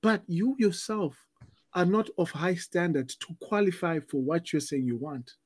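High-voiced man explaining with analogies. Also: a little slow, husky, dry recording, studio quality. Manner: explains with analogies, stutters on restarts. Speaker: podcast co-host giving dating advice. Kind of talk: casual conversational podcast.

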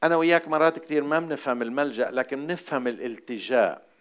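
A man with a Jordanian accent preaching a sermon, shifting between hushed, repeated asides and loud, emphatic lines. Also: medium pitch, fast, smooth. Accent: Jordanian Arabic. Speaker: pastor.

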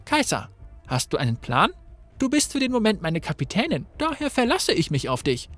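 A man's voice: high voice, huge pitch swings, moderate pace, fairly bright tone, faint music behind, voice pushed up, heavily acted. A man reading the lines of an unsure young heroine in a game story, hesitant and thoughtful.

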